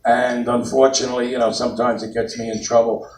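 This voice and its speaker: A man doing a stand-up comedy set on a brewery stage, talking in a brash, blunt New York manner with loud punchlines. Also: medium pitch, flat delivery, fast, a little hiss or hum. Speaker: stand-up comic. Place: brewery stage, live room. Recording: roomy live venue, mic at a distance.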